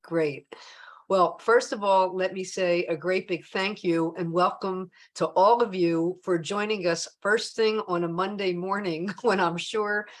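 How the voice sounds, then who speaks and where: A woman in her sixties, the guest speaker, opening her presentation over a video call in a relaxed, chatty way. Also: fairly low pitch, measured pace.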